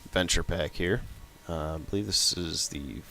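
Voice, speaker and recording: A man with a sick voice giving relaxed, casual commentary over his own gameplay, thinking aloud as he plays. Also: sits low, moderate pace, gravelly, slight background noise. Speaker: gameplay video host.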